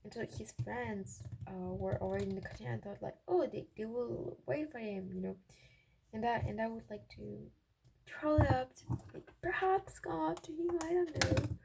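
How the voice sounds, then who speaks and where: A woman's voice: a little high, expressive, moderate pace. A young woman chatting casually in a giddy, gossipy way, rambling and often interrupting herself. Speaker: vlogger telling personal stories. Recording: clearly noisy raw amateur recording, clicks.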